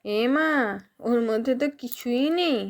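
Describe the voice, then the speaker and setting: A woman's voice: fairly high pitch, takes it slowly. A woman, a mother, chatting playfully with her toddler in a home vlog and coaxing him with question after question. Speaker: mother and vlogger. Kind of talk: casual chat with her toddler.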